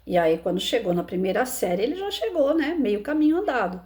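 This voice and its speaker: A Brazilian woman, a schoolteacher, telling a personal anecdote in an expressive, emphatic way. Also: a little fast. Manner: expressive, emphatic storytelling with frequent pitch lifts. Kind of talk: personal anecdote told to listeners.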